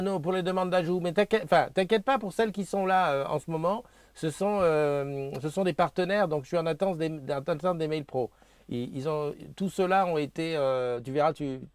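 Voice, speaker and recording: A man's voice: on the high side, clean tone, dry recording. A man hosting a casual live stream, chatting loosely with many fillers and restarts as he reads viewer comments aloud into a new desk microphone. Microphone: new desk microphone being tested.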